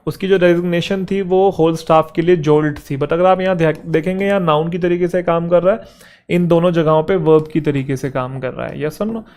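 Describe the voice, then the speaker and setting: Man, exam-prep vocab teacher, slightly high voice, chatty, jokes, slow read-outs of examples. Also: fairly even intonation, darkish tone. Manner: explains in Hindi, reads English examples slowly and deliberately; chatty, jokes with students, keeps asking "theek hai?".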